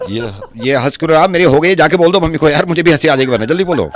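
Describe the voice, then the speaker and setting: A man's voice: fairly high pitch, expressive, racing, voice pushed up, lightly acted. A man on a prank phone call, posing as a neighbor boy who keeps pleading and insisting for help. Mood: impatient. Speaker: radio prank caller.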